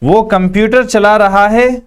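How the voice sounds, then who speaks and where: Male teacher, smooth clear voice pitched a little high, slow deliberate classroom drilling. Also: steady tone. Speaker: English teacher. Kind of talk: spoken English lesson.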